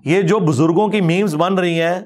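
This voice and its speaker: High-voiced man giving a sarcastic rebuttal. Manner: sarcastic, mocking. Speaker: religious lecturer. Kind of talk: rebuttal lecture.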